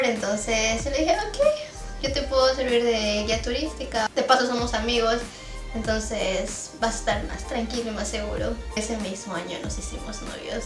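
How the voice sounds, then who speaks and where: A woman's voice: fairly high pitch, roomy sound. Chatty young Ecuadorian woman. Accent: Ecuadorian Spanish. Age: 20s. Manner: chatty, talks straight to her viewers. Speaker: co-host of a couple's vlog. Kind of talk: casual storytelling to camera.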